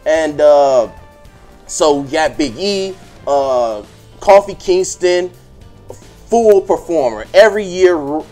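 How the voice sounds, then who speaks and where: A man's voice: fairly high pitch, expressive, slow pace, a little mellow, soft background music. A man talking sports casually as a podcast panelist, emphatic and repeating phrases for weight.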